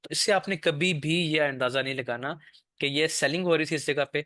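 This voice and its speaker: A man's voice: a little high, fairly quick, bright, forceful tone, no room sound, clean studio sound. A man teaching a trading class over a screen share, explaining step by step and often checking that the listener follows.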